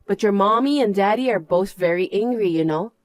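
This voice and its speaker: A woman's voice: medium pitch, lively intonation, fairly quick, no echo, close to an everyday voice. Woman playing fed up wife in a story drama, scolding, unforgiving, super dry sound. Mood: scornful. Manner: scolding, dismissive. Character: scornful betrayed wife, firm and unforgiving. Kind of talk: dramatised story narration and dialogue.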